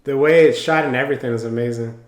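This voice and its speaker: A man's voice: mid-range voice, quick pace, background noise. A man giving casual, slangy running commentary as the host of a reaction video. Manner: informal, slangy exclamations. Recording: roomy echo, show music behind. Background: music from the show being watched.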